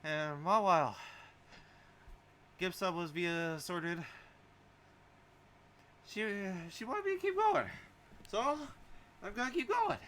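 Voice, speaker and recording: A man's voice: high voice, expressive, slow, long pauses, pushed and bright. A man streaming a game live, tossing off loose, joking asides.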